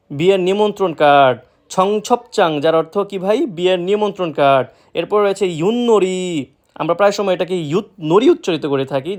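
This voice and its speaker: A young man from Bangladesh teaching a vocabulary lesson, repeating each word and answering his own questions. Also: high-pitched. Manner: repetitive drill, asks and answers own questions. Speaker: language teacher.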